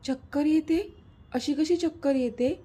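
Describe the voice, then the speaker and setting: A woman's voice: high voice, steady tone, moderate pace, warm tone, breathy edge. A woman voicing an anxious, stern mother. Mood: concerned. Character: middle-aged mother, anxious yet stern.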